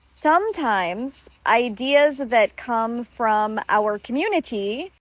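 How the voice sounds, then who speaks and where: A woman's voice: a little high, lively intonation, slow, poor audio. A woman hosting a tarot lesson for children, patiently asking a child and a guest simple questions. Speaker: host. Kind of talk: kid-friendly tarot lesson.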